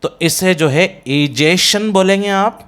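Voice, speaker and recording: Male English teacher with an Indian accent, slightly high voice, slow deliberate delivery, repeats words and spellings for drill. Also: lively intonation, fairly bright tone. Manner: mixes Hindi and English. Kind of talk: pronunciation lesson.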